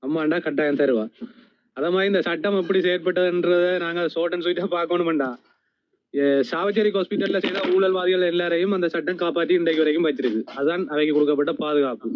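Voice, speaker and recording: A man with a Sri Lankan Tamil accent making a measured case as a live stream guest. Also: on the high side, steady tone, no room sound. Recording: dull dry lo-fi stream audio.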